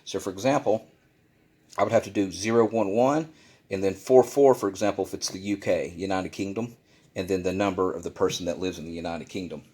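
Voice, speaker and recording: Seated at an indoor desk, a fairly low-voiced male video instructor demonstrates a practical task in a relaxed way. He moves briskly, his tone a little mellow, and explains every step simply, often restating it so it's clear.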